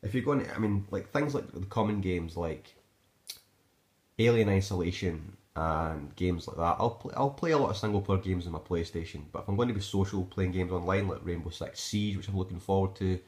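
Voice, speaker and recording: Talking a little fast, a Scottish man with a low, darkish voice offers an unscripted, casual gadget review that wanders and hesitates. He's an amateur filming on a handheld phone camera indoors, and his living room gives the audio a roomy sound.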